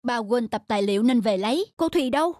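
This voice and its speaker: A performer voicing a calm, kind young father in a children's cartoon, speaking in a gentle, soothing way. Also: medium pitch, fast, a little hiss or hum, close to an everyday voice.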